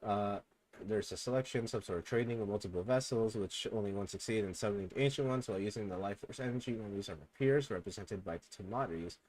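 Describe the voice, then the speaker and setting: In a fast, low-quality recording, a young streamer mumbles fan theories aloud and bursts into loud, excited exclamations.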